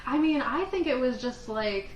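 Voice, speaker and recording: A woman's voice: high voice, expressive, lo-fi sound, a little hiss or hum. Agreeable woman in an echoey room. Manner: agreeable, quick to laugh. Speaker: podcast co-host. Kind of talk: casual chat.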